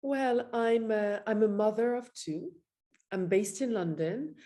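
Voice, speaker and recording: A woman's voice: on the high side, measured pace, mellow. A middle-aged woman from Morocco, a nutritionist and interview guest, telling her story in a direct, matter-of-fact way. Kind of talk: interview answers.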